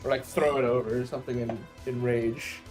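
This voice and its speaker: A man's voice: mid-range voice, little pitch movement, brisk, darkish tone. A man plays a tabletop game and talks through his moves casually. His middling voice halts and repeats words, with music in the background. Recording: music behind the voice.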